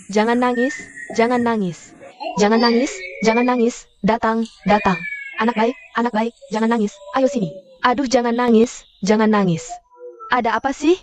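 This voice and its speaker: A woman voicing a gentle, soft-spoken young mother and caring older sister in a dubbed drama series, with music behind her. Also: on the high side, background noise, close to an everyday voice. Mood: soothing. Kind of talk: Indonesian dub of a drama series. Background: background music.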